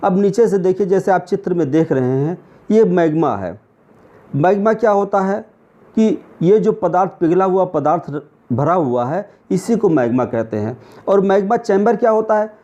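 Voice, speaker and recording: A man's voice: high-pitched, warm tone. A male teacher with a Hindi accent explaining a lesson over diagrams, often asking a question and then answering it himself. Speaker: exam coaching teacher. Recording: muffled lo-fi recording.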